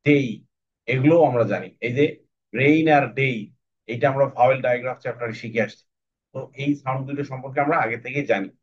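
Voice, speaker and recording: A man teaching children an English phonics lesson online, repeating each word slowly for them to copy. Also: medium pitch, highs cut off. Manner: slow, repetitive drilling of words. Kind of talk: phonics lesson to children over a video call.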